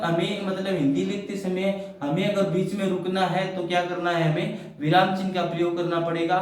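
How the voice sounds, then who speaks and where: A man's voice: high-pitched, a little mellow. Man teaching in a very echoey room. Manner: repetitive, asks and answers his own questions. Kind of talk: classroom-style explanation. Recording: very echoey room, mic far off.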